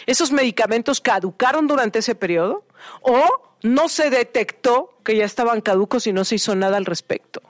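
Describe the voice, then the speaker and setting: A woman's voice: on the high side, expressive, moderate pace, no room sound, clean studio sound. Pointed, indignant woman news anchor. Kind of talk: opinionated news commentary.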